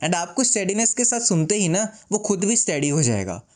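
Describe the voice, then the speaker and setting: A man in a casual advice vlog with a slightly high voice. He talks at a slow, composed, deliberate pace with clear pauses and slips English phrases in. He drops in wry, self-deprecating asides. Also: sing-song, darkish tone. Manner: mixes English phrases into Hindi. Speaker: YouTuber. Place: seated indoors.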